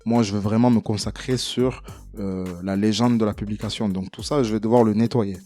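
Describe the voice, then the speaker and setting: A man walking viewers through a casual screen-recording tutorial, chatty and relaxed with plenty of fillers and some self-deprecating humor. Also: on the low side, a little fast, soft background music. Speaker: tutorial creator.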